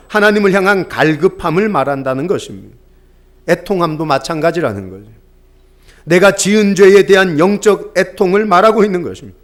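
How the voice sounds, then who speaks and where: A man preaching a sermon, telling stories and building to fervent exhortation. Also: high-pitched. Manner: impassioned, swelling into fervent exhortation; storytelling, acting out quoted dialogue.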